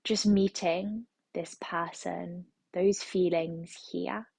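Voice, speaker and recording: Slow, husky-voiced woman guiding meditation. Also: fairly low pitch, steady tone, darkish tone, no echo. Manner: slow, soothing, repetitive phrasing. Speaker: yoga teacher. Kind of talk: guided meditation.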